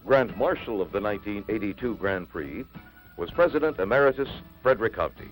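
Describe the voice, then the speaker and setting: A man narrating an old newsreel in a measured, announcing delivery. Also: fairly low pitch, expressive, over music, low-quality recording.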